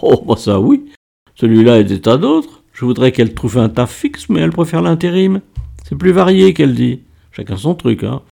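A man's voice: medium pitch, sing-song, normal speed, gravelly, mellow, pitched above the performer's own voice, exaggerated voice. A man voicing a blunt, nosy young man who banters in casual slang, within a read-aloud story. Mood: teasing.

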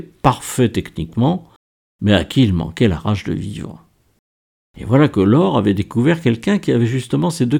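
A man reading a novel aloud as narrator, in a steady storytelling manner. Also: medium pitch, vocal fry. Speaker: audiobook narrator. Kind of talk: scripted narration.

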